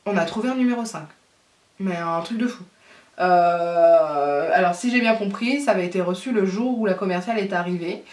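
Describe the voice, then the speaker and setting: A woman's voice: on the low side, normal speed, darkish tone. A young woman chatting casually about beauty products, full of laughs and fillers. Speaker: beauty vlogger. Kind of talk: casual haul chat. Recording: roomy sound from a distance.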